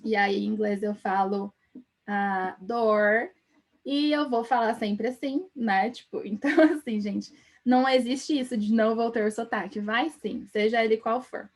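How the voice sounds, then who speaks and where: A woman's voice: on the high side, moderate pace, darkish tone. A young woman with an interior São Paulo accent, teaching a chatty live-stream lesson and ending lines with tag questions. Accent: interior São Paulo Portuguese. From Brazil. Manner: chatty, lots of tag questions, laughs often. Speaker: English teacher.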